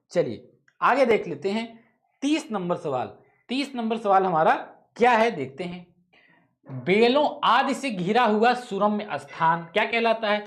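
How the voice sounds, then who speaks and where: A male teacher leading an online test-solving class, repeating each question, thinking aloud, correcting himself and tossing casual asides to students. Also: high voice. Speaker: exam-prep teacher.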